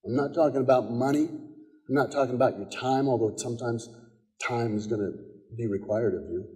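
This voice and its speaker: Pastor preaching a sermon in a reverberant church. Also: male voice, mid-range voice, a little fast, warm tone. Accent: American. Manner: storytelling, conversational with quoted dialogue and repetitions. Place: church sanctuary. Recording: long church hall reverb.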